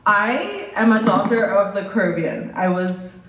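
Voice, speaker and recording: A woman's voice: medium pitch, measured pace, a bit bright. A woman from Guyana, raised in Jamaica, giving a prepared academic lecture and listing points steadily. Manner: reads steadily from prepared remarks, listing items one by one. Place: lecture hall with a stage and screen. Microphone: podium mic, far camera. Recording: echoey hall, voice from far off.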